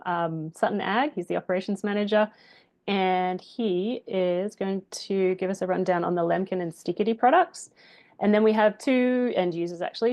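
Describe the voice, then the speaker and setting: A woman hosting a webinar on a video call, introducing speakers in a relaxed way with many fillers. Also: fairly low pitch. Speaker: webinar host.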